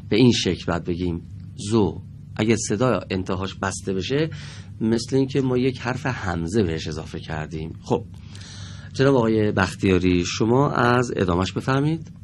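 Low-voiced man teaching Quran reading. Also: a little hiss or hum. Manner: slow, patient, carefully models and corrects pronunciation. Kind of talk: radio Quran reading lesson. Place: radio studio.

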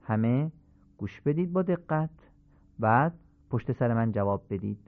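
Male teacher, lively up-and-down delivery, patient and repetitive, tinny phone-quality sound. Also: mid-range voice. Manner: patient, drills examples one by one with repetition. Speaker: Quran recitation teacher. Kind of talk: classroom lesson.

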